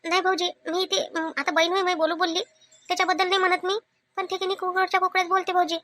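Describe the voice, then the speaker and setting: A woman's voice: extremely high pitch, little pitch movement, quick pace, fairly bright tone, no echo. A woman voicing a meek, childless widowed aunt who pleads her case, with a Vidarbha Marathi accent, in a cartoon comedy. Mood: hurt. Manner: pleading, self-defending.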